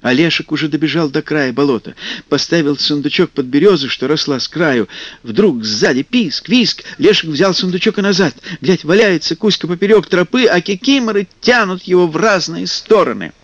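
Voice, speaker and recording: Expressive male fairy-tale narrator with a high-ish lively voice, dull dry recording. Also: normal speed, dry recording. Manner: animated, acting out character voices. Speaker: storyteller.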